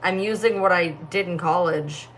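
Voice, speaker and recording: A young woman with a distinctive, fairly low-pitched voice speaks at normal speed during a casual phone livestream where she reads comments. Sleepy and yawning, she rambles with heavy filler words. Slight background noise can be heard.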